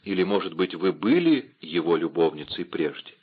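A timid young convent novice, voiced by a male audiobook reader. She speaks in a theatrical manner, and the voice sits fairly low. The sound is muffled and lo-fi. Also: expressive, moderate pace, husky. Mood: anxious. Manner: theatrical audiobook dialogue reading. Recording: dull lo-fi recording.

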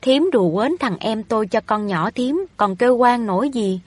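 An overbearing, haughty rich young lady from a storybook, scolding a poor tenant, as a woman reader puts her on. The voice sits fairly high with a husky edge, recorded close and dry. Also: expressive, normal speed, no room sound. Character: haughty wealthy young woman, landlord's daughter. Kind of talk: audiobook reading of a novel.

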